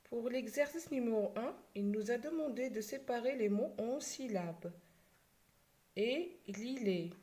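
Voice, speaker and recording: A woman's voice: on the high side, animated, warm tone. A woman teaching a primary school class, addressing her pupils and breaking words into syllables one by one. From Morocco. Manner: slow, syllable-by-syllable instruction. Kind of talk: classroom video lesson.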